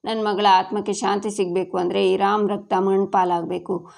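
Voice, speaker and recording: A woman's voice: medium pitch, flat delivery, moderate pace, creaky. A woman voicing an enraged grieving father. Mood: furious. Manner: furious threatening shouts. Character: enraged grieving father, middle-aged man.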